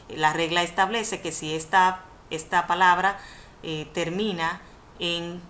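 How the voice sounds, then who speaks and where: Female facilitator, lowish voice, patient didactic webinar delivery, faint hiss behind. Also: sharp tone. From Dominican Republic. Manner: didactic, repeats definitions, self-corrects with "perdón". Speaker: university course facilitator. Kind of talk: webinar lecture on Spanish spelling. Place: indoors, online video conference. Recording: faint background noise, webinar audio.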